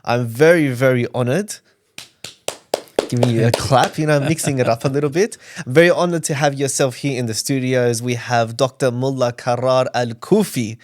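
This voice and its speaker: A man's voice: medium pitch, steady tone, normal speed, a little mellow. A man hosting a studio podcast interview, upbeat and playful, joking easily with his guest. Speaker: podcast host. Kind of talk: conversational interview.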